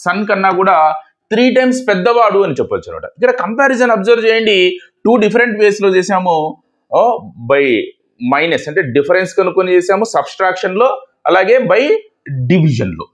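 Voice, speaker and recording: A man's voice: sits high, sing-song, brisk. A man with a Telugu accent, a native Telugu speaker, teaching a math lesson in English and Telugu. He repeats key words and asks questions that he answers himself.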